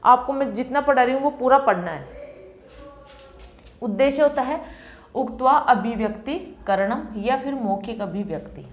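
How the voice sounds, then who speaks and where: A confident Sanskrit teacher with an expressive, high-leaning voice gives an exam-prep lecture full of test tricks. She repeats key terms slowly so students can memorise them.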